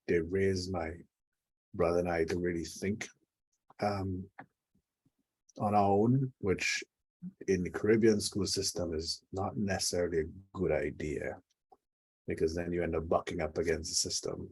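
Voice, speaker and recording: A middle-aged man from Trinidad and Tobago speaks as an interview guest, reflective and drily funny. His voice sits very low and has a husky grain. He sounds a little away from the mic, as on a remote call. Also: darkish tone, poor audio. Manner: reflective storyteller, dry humor. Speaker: guest, leadership coach. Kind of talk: conversational interview.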